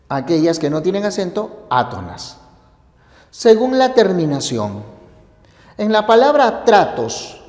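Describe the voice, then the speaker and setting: A teacher slowly explaining a grammar lesson, asking rhetorical questions to the students. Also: mid-range voice, darkish tone. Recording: echoey room with long reverb.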